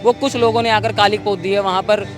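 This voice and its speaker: High-voiced male interviewer, halting questions. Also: fairly even intonation, music in the background. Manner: halting, stumbles over words while posing questions.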